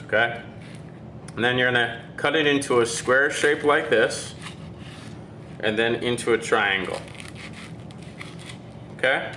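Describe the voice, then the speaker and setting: A man's voice: mid-range voice, sharp tone, reverberant, a little hiss or hum. A man working as a chef, giving a step-by-step cooking demonstration and checking in with "okay?".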